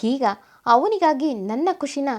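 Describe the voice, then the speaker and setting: A woman's voice: sits high, expressive, slow, darkish tone. A woman voicing a grieving young wife who turns determined and angry. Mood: resolute. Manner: tearful, then angry and firm.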